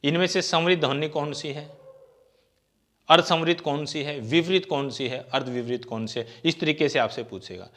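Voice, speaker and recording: A man gives an exam-prep grammar lecture in a slightly high voice. He keeps asking rhetorical questions and answering them himself. He stretches out vowel sounds as he demonstrates them. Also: moderate pace, fairly bright tone. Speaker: teacher.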